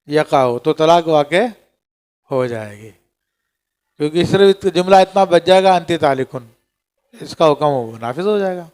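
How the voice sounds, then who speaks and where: A man's voice: fairly high pitch, lively intonation, long pauses, a little mellow, smooth. A man teaching a class on Islamic law, reading Arabic passages aloud and explaining each line, often checking with his students. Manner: reads Arabic text aloud then explains it, often checks "theek hai?". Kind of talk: classroom lecture on a legal text.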